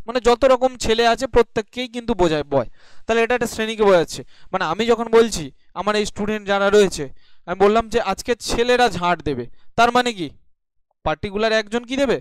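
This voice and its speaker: A male teacher leads a classroom grammar lesson. His voice is high and smooth, and it sits dry and close to the mic. He asks his class questions, answers them himself and keeps checking that they follow. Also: no room sound. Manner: explaining patiently, checking in often. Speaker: English teacher.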